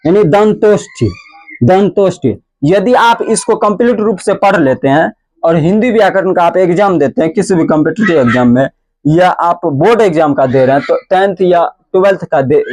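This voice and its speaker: Male grammar teacher, high-pitched, repeats sounds in drills and quizzes himself aloud. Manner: drills sounds by repeating them and asking questions he answers himself; drawn-out, emphatic pronunciation of letters. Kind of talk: Hindi grammar lesson.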